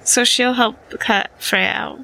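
A woman's voice: on the high side, steady tone, slow pace, vocal fry, bright, forceful tone, slight background noise, poor audio. A woman playing a tabletop role-playing game, chatting casually about her moves, with music behind her.

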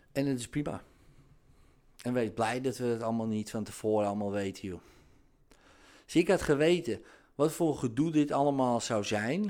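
A man's voice: medium pitch, a little mellow. Male hypnosis trainer, casual advice podcast, rambling and filler-heavy delivery. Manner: rambling, chatty, many fillers and "weet je wel". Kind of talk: casual advice talk, answering a listener.

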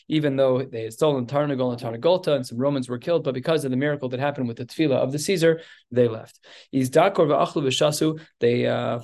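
A man's voice: mid-range voice, creaky, darkish tone. A man teaching a Talmud class, reading Aramaic phrases and explaining them in plain English with fillers and restarts.

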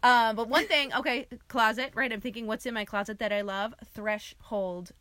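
A woman's voice: a little high, moderate pace, fairly bright tone, no echo. A playful, giggly woman co-hosting a casual podcast, chatting from inside a large clothes closet. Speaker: podcast co-host and realtor. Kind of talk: casual two-person podcast chat. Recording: dry closet recording.

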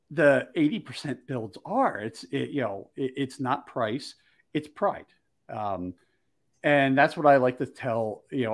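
A man from Maryland talks casually on his podcast, with a voice pitched in the ordinary middle range. He tells stories with energy and acts out both sides of each conversation. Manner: animated storyteller acting out quoted dialogue. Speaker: podcast host. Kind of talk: casual storytelling chat.

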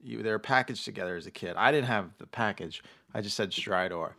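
A man hosting a casual podcast, explaining things in a halting way with frequent backtracking. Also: lowish voice, vocal fry, pushed and bright. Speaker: podcast host.

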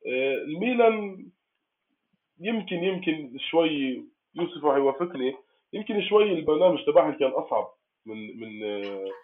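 A man's voice: fairly high pitch, big pitch swings, brisk, pauses often. A man with a Palestinian Arabic accent discussing football casually as a fan, restarting his phrases as he goes, on a thin call line. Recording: tinny, phone-like call audio.

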